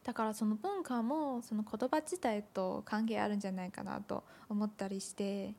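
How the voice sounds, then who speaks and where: A woman hosting a casual chat, a non-native speaker whose first language is Chinese, speaking politely and thoughtfully with gentle backchannels. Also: medium pitch, normal speed, vocal fry. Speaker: host.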